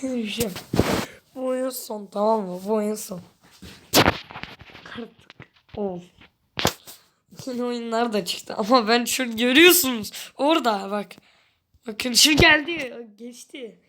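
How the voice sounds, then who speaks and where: A woman commenting casually on a game for her viewers, excitable and exasperated by turns. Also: on the high side, slow pace, long pauses, very noisy. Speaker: gaming YouTuber.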